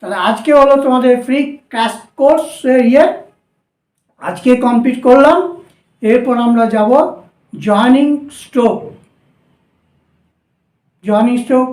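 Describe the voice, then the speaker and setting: High-voiced Bengali woman teaching shorthand. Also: darkish tone, echoey room. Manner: instructive, repeats steps patiently. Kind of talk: whiteboard lesson for students.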